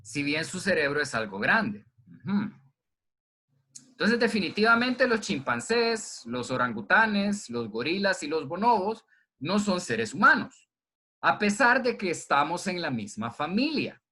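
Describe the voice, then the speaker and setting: A man's voice: high-pitched, sing-song, measured pace, sharp tone, breathy edge. Chatty man teaching a class. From Honduras. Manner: conversational, asks the class questions and answers them himself. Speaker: university zoology teacher. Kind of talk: recorded online class lecture. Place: indoors at home during heavy rain. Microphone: computer microphone.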